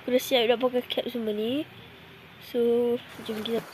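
Filming on a close-held phone at arm's length, a young woman with a Malaysian Malay accent chats loosely among the trees of a campsite for her vlog, using lots of fillers. Her voice is fairly high and level at a moderate pace, over a noisy background.

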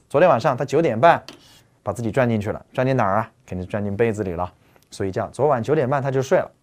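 Animated man teaching English vocabulary. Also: mid-range voice. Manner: animated, asks listeners rhetorical questions, repeats key words. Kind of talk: explanatory lecture.

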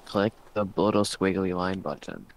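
A male gamer talking through a voice changer that pushes his voice deeper. He chats casually while playing and asks quick, offhand questions. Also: slight background noise, poor audio. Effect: voice changer making the voice deeper. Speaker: game player. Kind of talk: casual chat while playing a video game.

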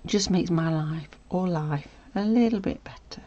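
A woman hosting a casual stitching tutorial, chatty and self-correcting, often dropping to a soft murmur as she works. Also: lowish voice, normal speed, dull audio. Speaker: sewing tutorial host.

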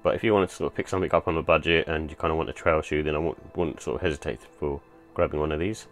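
A man with a very deep voice talks through a sneaker review in a loose, rambling way, leaning on "sort of" and "kind of" again and again. Soft music plays faintly under his voice-over. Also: fairly even intonation, rapid-fire. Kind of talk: casual product review voice-over.

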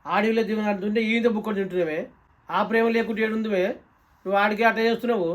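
A man's voice: high-pitched, fairly even intonation, recorded from a distance. A man with a Telangana Telugu accent acting a brother and husband in a village comedy sketch, scolding and insistent. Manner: scolding, insistent, rapid talk.

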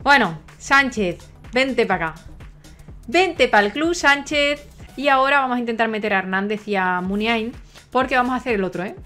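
A young woman from Spain with a Spanish accent, giving chatty gameplay commentary straight to her viewers and breaking into excited shrieks. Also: on the high side, moderate pace, soft background music. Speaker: gaming streamer.

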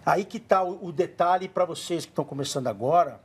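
On the high side and husky, the voice belongs to a Brazilian former goalkeeper in his forties who speaks a little fast. As a studio guest with a São Paulo Portuguese accent, he chats casually and gives children sincere advice.

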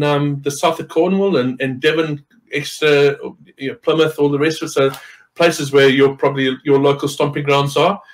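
Calling in from a home room with a window, this Zimbabwean wreck diver in middle age is a podcast guest in a casual chat. His medium-pitched voice comes through a low-quality recording, and he rambles with frequent fillers and restarts.

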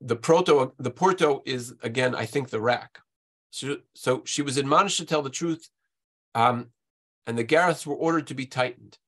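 A man, a rabbi, giving a slide lecture in a halting way, often repeating words as he goes. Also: medium pitch, fairly bright tone.

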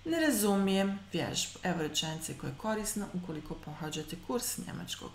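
A woman in her thirties, medium-pitched and animated, leads an online German lesson on her webcam, giving slow, careful example sentences and quick explanatory asides between them. The room echoes, with slight background noise.

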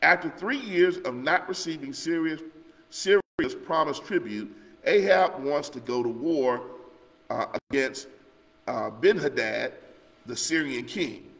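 A man's voice: a little high, lively intonation, unhurried, fairly bright tone, long reverb tail, low-quality recording. A man teaching a Sunday school lesson who walks through scripture and often checks in with "okay?". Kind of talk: Bible lesson with scripture reading. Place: church.

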